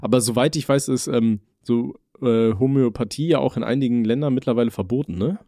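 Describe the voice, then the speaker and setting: A man's voice: mid-range voice, fast talker, warm tone, no room sound, clean studio sound. A man telling rambling stories in casual chat as a podcast co-host, full of slang. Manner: rambling slangy storytelling, says "Alter" often.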